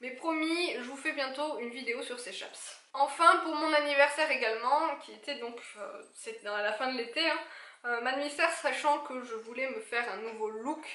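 A woman's voice: high-pitched, moderate pace, pushed and bright. A woman in her thirties chatting casually through a product haul vlog, with lots of fillers and restarts. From France. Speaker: equestrian YouTuber. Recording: echoey room.

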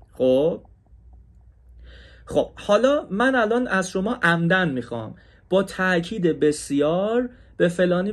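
A man teaching an English grammar class, explaining in Persian and saying each English example slowly and carefully, with questions to his students. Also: fairly high pitch. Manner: talks straight to students, asks them questions.

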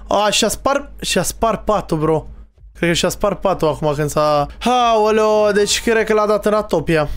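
A young man giving casual, excitable gaming commentary, teasing other players and talking to his viewers. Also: sits high. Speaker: streamer playing a Minecraft role-play server.

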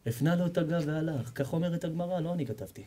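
A man's voice: fairly high pitch, slight background noise. A man, a rabbi, giving a sermon full of stories, acting out the characters and joking with the audience. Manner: animated storytelling, acts out characters, jokes and quizzes the audience. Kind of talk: sermon with storytelling.

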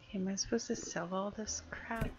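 Casting: woman streamer, mid-pitched, chatty, muttering asides, slightly muffled mic. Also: fairly even intonation, brisk, background noise. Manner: chatty, muttering to herself, often half-whispered. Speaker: gameplay streamer. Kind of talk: casual gameplay commentary.

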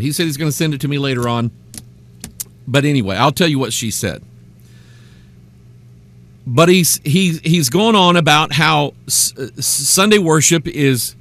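A middle-aged man preaching on a live webcast in an impassioned, emphatic way. His voice sits somewhat high for a man, and he pushes his points harder as he goes. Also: fairly bright tone. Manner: impassioned, emphatic, retells arguments with rising heat. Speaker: pastor.

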